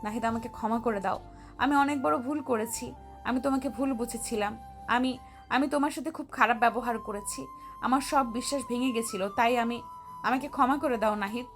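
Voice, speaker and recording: A shy remorseful young wife. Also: female voice, sits high, moderate pace, faint music behind. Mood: tearful. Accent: Bengali. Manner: soft, pleading and apologetic. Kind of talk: audio story acting.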